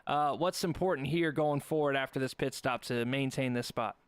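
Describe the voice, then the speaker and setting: A young man calling a sim racing broadcast, excitable and quick to laugh during close battles. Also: mid-range voice, smooth, no echo. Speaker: race commentator.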